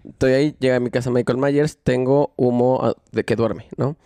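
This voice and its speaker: A man's voice: fairly even intonation, moderate pace, warm tone, clean tone, no room sound, clean studio sound. A young man, playful and scheming in casual comedy podcast chat. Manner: playful, keeps pitching new plans. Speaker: podcast co-host.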